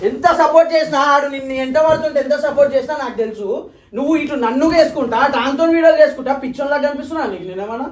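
A young man with a Telangana accent, arguing angrily and accusingly in a vlog. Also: very high voice. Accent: Telangana Telugu. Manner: angry, accusing, rapid-fire. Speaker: vlogger. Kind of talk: heated couple argument. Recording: roomy echo.

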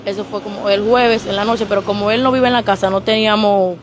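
A woman's voice: mid-range voice, fairly even intonation, fast, a little hiss or hum. A young woman, answering a street reporter's questions in a subdued way, outdoors with a handheld mic. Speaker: interviewee, relative of missing man. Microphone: handheld mic held to her.

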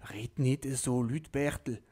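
A man voicing a cautious Alsatian woman friend with an Alsatian accent, talking low and hushed. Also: slow pace, husky.

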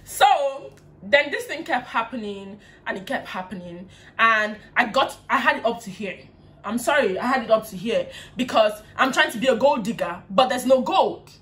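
A young vlogger with a Nigerian English accent shares a storytime in a casual, animated manner, frequently laughing as she imitates people. Her voice is on the high side and her speed is normal.

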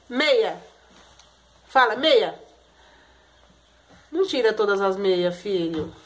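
Young woman, Pernambuco accent, high voice, sing-song baby talk, faint hiss. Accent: Pernambuco Brazilian Portuguese. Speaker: mother of triplets, vlogger. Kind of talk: casual home vlog talking to toddlers.

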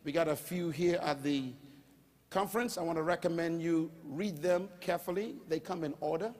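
It's a sermon at a moderate pace from an older pastor of Bahamian origin, standing on a big stage with a handheld mic. He pitches his voice high, works up to shouting, and invites the crowd to answer back, his words trailing off in the hall's long reverb.

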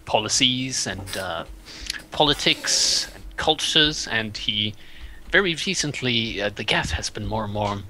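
Very bright-voiced halting game master. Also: male voice, on the low side, animated, slight background noise, poor audio. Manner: hesitant, full of fillers and restarts. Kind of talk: narrating a tabletop game over a stream.

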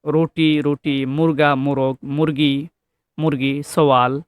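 Male teacher, slow drilling repetition, slightly high voice, dry close sound. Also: little pitch movement, clean tone, no echo. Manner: slow, repeats each word many times in call-and-response drills. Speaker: Urdu teacher. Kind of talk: vocabulary lesson with drilled repetition.

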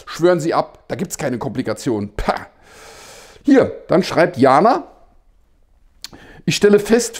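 A male satire host with a voice that sits a bit high for a man. His delivery is very animated, with big swings in pitch. He talks in an ironic, mock-innocent tone and keeps dropping in chuckles between remarks. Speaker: satirical news show host. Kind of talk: satirical news commentary.

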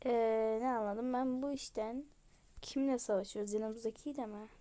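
A high-pitched woman talks her viewers through a game. She reacts excitedly to each new find and gushes over the cute items. Her commentary is casual and chatty. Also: moderate pace. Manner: excitable, gushing exclamations. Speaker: game vlogger.

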